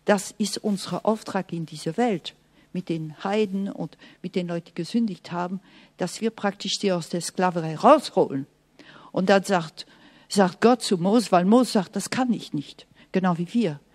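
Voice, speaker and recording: A woman preaching a sermon in an earnest, emphatic way, sometimes dropping to soft, hushed asides and speaking straight to the listener. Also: fairly low pitch, normal speed. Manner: speaks directly to the listener, often asking "Okay?".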